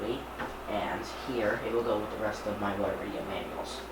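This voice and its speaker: Here the unboxing commentary comes in a lowish, steady voice at a fairly quick clip, amid very noisy surroundings. The man, a hobbyist video creator, informally narrates each little move.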